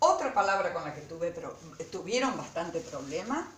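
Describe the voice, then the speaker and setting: A woman teacher giving a recorded lesson to her students, speaking slowly and emphatically and repeating words syllable by syllable. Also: on the low side, sing-song, echoey room, slight background noise.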